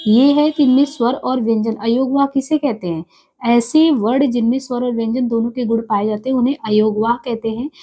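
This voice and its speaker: A woman teaching an exam-prep grammar lesson, explaining step by step and repeating each sound and letter slowly. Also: on the high side, a little mellow, breathy edge.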